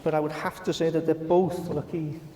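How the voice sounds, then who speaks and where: Middle-aged man, fairly high voice, jovial and halting wedding toast speech, hall reverb. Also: little pitch movement, mellow, a little hiss or hum. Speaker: father of the bride. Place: large glass-walled wedding reception room. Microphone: handheld microphone. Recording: echoey hall, handheld mic, guests reacting. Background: wedding guests murmuring and laughing.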